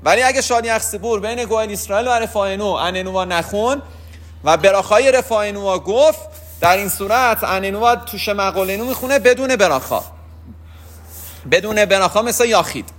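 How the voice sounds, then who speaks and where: High-pitched man; patient religious teacher who explains step by step and answers his own questions. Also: a bit bright. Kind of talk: spoken lesson on prayer rules.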